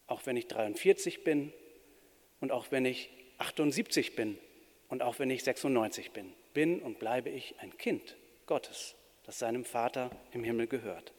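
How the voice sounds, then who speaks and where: A pastor giving a sermon in an earnest, plain-spoken way with shifting emphasis. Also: male voice, medium pitch. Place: church. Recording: reverberant church hall.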